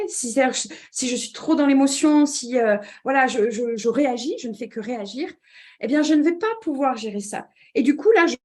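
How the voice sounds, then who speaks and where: A woman with a slightly high voice explains ideas as a communication trainer. She talks with many fillers and restarts. She keeps checking that her listeners are following. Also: a little mellow. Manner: checks in with listeners with repeated 'd'accord?'; hesitant restarts with frequent fillers. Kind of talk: explanatory talk.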